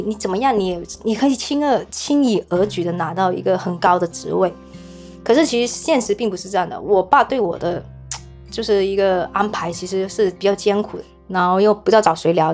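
A young woman recounts her own experience on a podcast in a mid-pitched voice. She talks hesitantly, circling back with repeated words and half-started phrases as she gathers her thoughts, while soft music sits in the background. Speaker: storyteller guest. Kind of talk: personal storytelling.

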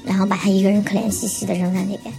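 Her voice altered by a voice-changer, a woman in her twenties candidly shares a personal story, now and then sinking into a whisper. She talks rapid-fire at a medium, level pitch, sounding gravelly and warm, with faint music in the background.

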